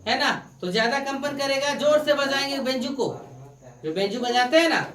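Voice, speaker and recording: With a high, slightly bright voice at a moderate pace, a woman teaches science, going over key points repeatedly and prompting the class to respond to her questions. She sounds far from the mic in an echoey room.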